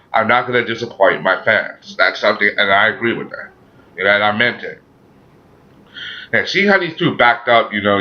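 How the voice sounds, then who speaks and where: A man with a sore throat gives a casual, unscripted review as a channel host, halting and often repeating himself with frequent filler phrases. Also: lowish voice. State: sore throat, a little sick. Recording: dull, muffled lo-fi audio.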